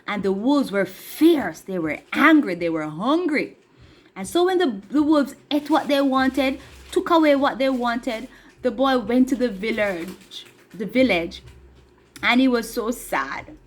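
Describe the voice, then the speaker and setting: A woman telling a children's story with a puppet, lively and asking the young audience questions. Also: fairly high pitch, a little slow. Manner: animated, addresses children directly with questions.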